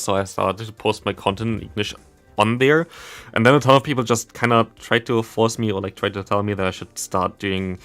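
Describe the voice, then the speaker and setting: A German livestreamer and content creator with a German accent, whose voice is fairly low with a fairly bright tone, casually commentates a game. He chats in a rambling, self-deprecating way while game music plays in the background.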